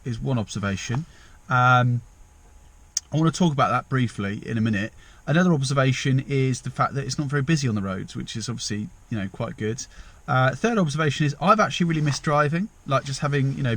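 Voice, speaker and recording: Man, young, casual vlog, rambling, self-deprecating, average pitch. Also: fairly bright tone. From England. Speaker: vlogger.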